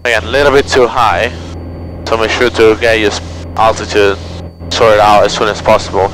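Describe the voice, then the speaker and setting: Over an aviation headset mic in a small plane's cockpit, a male flight instructor gives short coaching instructions above loud engine noise. His voice is fairly low, with little pitch movement, at a normal speed.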